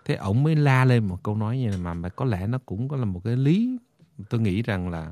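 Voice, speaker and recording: A man's voice: fairly low pitch, big pitch swings, fast, dark tone, no room sound. A man, a lawyer guest on a radio talk show, telling stories with many hesitations. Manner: storytelling, many hesitations and fillers.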